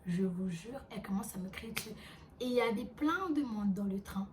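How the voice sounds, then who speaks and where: A young woman vlogger telling a storytime, animated and chatty with lots of fillers. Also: medium pitch, brisk, distant mic, slight background noise. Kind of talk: storytime vlog.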